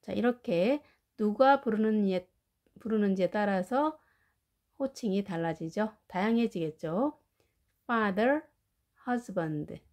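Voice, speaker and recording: A woman with Korean as her first language, teaching English family words and slowly drilling their pronunciation. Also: medium pitch, darkish tone. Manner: slow, careful pronunciation drills. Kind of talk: vocabulary lesson.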